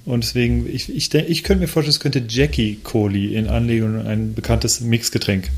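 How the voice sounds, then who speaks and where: Male co-host, average pitch, chatty and rambling, restarts often. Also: fairly quick, darkish tone. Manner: rambling, hesitant, many fillers. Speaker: podcast co-host. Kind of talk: casual podcast chat.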